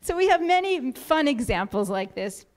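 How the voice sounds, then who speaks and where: A woman's voice: high-pitched, very animated, normal speed. A woman giving an explanatory talk to a congregation in a synagogue, lightly humorous and full of quoted examples. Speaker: guest speaker. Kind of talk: lecture to a congregation.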